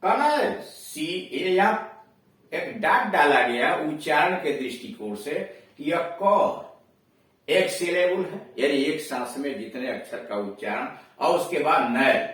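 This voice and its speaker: A man with a Hindi accent, teaching English pronunciation slowly in a classroom lesson, repeating each word as he explains it. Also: a little high, animated, a bit bright. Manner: slow, explanatory, repeats words for drilling. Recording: echoey room, voice far from mic.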